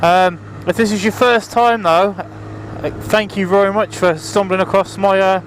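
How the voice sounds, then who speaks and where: A man with a high voice talks casually to viewers while riding his motorbike, rambling, apologetic, and raised over the engine. His intonation is fairly even and his pace a little slow. The helmet mic, visor open, records wind, traffic, and engine around him on the road.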